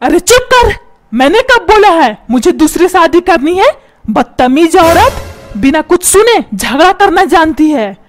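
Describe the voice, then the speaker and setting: एक महिला कार्टून में चिड़चिड़े, चिल्लाने वाले अधेड़ पिता की आवाज़ दे रही है, जो डांटता है और ताने मारता है।. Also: female voice, extremely high pitch, sing-song, measured pace, faint music behind, exaggerated voice. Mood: scolding. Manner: shouts and scolds, calls names. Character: grumpy shouting cartoon father, middle-aged man. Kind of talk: comedy cartoon dubbing.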